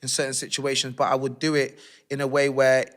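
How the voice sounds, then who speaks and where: A man, an interview guest telling his life story in a candid, animated, slangy way. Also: mid-range voice, a little fast. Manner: streetwise, animated, slangy retelling with acted-out quotes.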